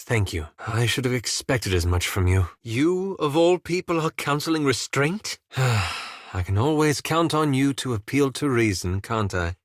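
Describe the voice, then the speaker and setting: A male actor with a mid-range, natural voice plays a prim, bookish elf wizard in a fantasy video game. His delivery is formal, precise, and dryly sarcastic, and the recording is dry.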